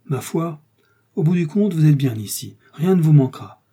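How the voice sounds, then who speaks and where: A man's voice: mid-range voice, normal speed, dark tone, breathy edge, close to an everyday voice. A man reading an audiobook, voicing a smug aristocratic persecutor who talks in a mocking, condescending way.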